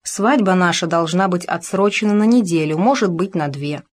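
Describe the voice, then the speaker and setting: Young male officer, earnest, declaiming, read by a woman, low voice. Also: moderate pace, close to an everyday voice. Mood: calm. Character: young male officer, brave then shaken. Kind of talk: audiobook character reading.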